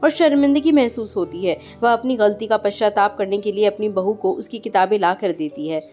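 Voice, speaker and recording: A woman's voice: medium pitch, brisk. Woman narrating a moral story. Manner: steady, addresses listeners as friends. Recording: faint music behind.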